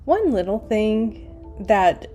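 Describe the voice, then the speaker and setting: A young woman giving casual, chatty gameplay commentary, full of "like" and quick asides. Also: mid-range voice, sing-song, dark tone, highs cut off, soft background music. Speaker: gaming YouTuber.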